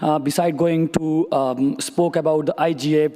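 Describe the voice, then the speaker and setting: A man from Pakistan commenting from the floor of a conference hall, earnest and halting with many fillers. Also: a little high, fairly even intonation, dark tone. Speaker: audience member commenting. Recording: long hall reverb.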